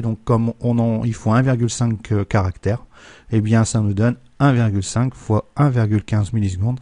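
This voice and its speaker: Male teacher going through a correction, mellow voice, close dry mic, keeps checking you're following. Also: lowish voice, no echo. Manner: patient, checks in with "d'accord?" and "hein"; slows down to spell out numbers and steps. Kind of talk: screen-recorded lesson correction.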